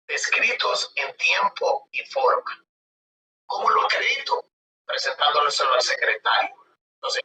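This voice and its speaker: A man lecturing on law, reading legal articles aloud and explaining them in a conversational way, often asking rhetorical questions. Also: a little high. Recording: roomy, distant mic with background noise.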